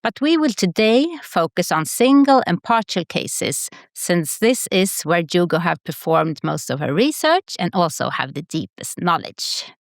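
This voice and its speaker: A woman co-hosting a professional podcast, introducing the episode in a measured, prepared way. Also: on the low side, big pitch swings, dry recording, studio quality. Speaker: podcast co-host, prosthodontist.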